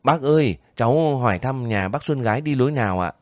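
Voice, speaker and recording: A man's voice: mid-range voice, animated, a little fast, no echo, clean studio sound, pitched above the performer's own voice, natural voice. A man voicing a young soldier on leave who pleads and questions anxiously in a spoken story. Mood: polite. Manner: anxious, breaking voice.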